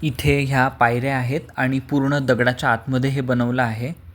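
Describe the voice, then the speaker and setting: A man narrating his travel vlog as a calm, even tour guide, with occasional hesitant fillers. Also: medium pitch, moderate pace, music in the background. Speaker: vlogger.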